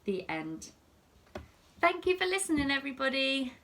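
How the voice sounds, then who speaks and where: A teacher, female, reads a picture story aloud for young children in a deliberate and expressive way. Her voice is high and has a creaky quality.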